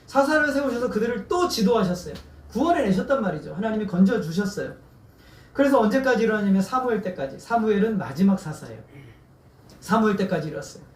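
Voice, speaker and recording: A man's voice: high-pitched, animated, fast talker. A man preaching a sermon as pastor, asking the congregation questions and having them answer back. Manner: asks the congregation questions and has them repeat words. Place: church sanctuary. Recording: echoey church from far off.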